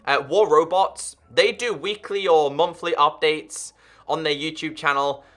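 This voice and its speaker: Talking straight to camera, a man in his twenties who makes gaming videos addresses his viewers earnestly and directly. His voice is on the high side and a bit bright, and he speaks a little slowly.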